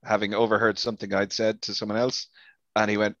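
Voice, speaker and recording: A man's voice: fairly low pitch, fast, no room sound. Irish guy, wry and laid back, explaining slang, kinda muffled dry audio. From Ireland. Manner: relaxed, wry and self-deprecating. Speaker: guest. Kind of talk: casual explanatory chat.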